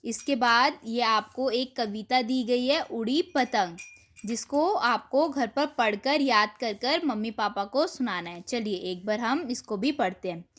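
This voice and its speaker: A woman teaching an online Hindi lesson to young children, reading words and a rhyme aloud slowly and clearly in a sing-song way. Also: fairly high pitch, a bit bright. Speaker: primary school teacher.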